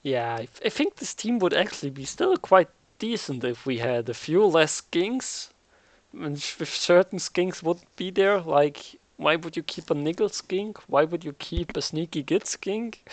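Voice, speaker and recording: A man's voice: fairly high pitch, lively intonation, measured pace, dry recording. A man hosting a casual game recap, chatty and joking as he thinks aloud. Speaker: recap host.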